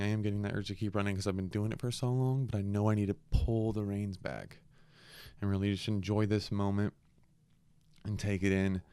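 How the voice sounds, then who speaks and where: A young man with a low, smooth voice talks casually into a dry, close-sounding space. He is congested from a cold and speaks earnestly and reflectively, like a podcast host thinking out loud. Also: no room sound.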